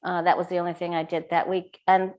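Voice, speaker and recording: A woman's voice: lowish voice, flat delivery, a little mellow, lo-fi sound. Friendly woman plugging her readings. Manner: friendly, promotional, quick to laugh. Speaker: guest tarot reader. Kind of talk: casual chat.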